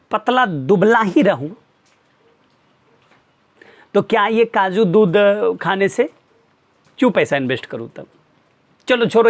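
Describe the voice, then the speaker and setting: A man, a teacher, earnestly lecturing his students with pointed rhetorical questions. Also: high-pitched. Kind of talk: motivational talk to students.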